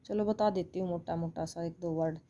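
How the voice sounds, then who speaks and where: A woman's voice: lowish voice, fairly even intonation, a little fast, mellow, highs cut off. A woman with an Indian accent teaching English phonics online, explaining patiently and repeating each sound.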